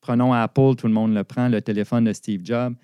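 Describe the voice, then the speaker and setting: Mellow-voiced Quebec man explaining business. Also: medium pitch, a little fast, smooth, no room sound, studio quality. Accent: Quebec French. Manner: animated, explanatory, laughs often. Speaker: guest, business teacher. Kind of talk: conversational explanation.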